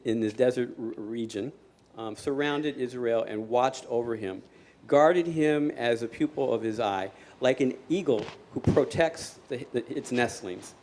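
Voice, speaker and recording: A man's voice: mid-range voice, unhurried, a little mellow, a little hiss or hum. A man reciting scripted verse in an amateur play, hesitant and often repeating phrases. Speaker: reader playing Moses in a congregational skit.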